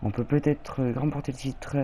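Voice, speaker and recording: Halting male gamer on cheap noisy mic, mellow. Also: medium pitch, fairly even intonation. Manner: halting, repeats words. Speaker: gaming streamer. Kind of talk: casual gameplay commentary.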